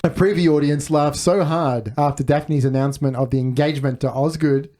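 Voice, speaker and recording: A man's voice: fairly high pitch, steady tone, brisk, warm tone, slight background noise. A man co-hosting a movie podcast, reading out film trivia in casual chat and laughing often. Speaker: podcast co-host.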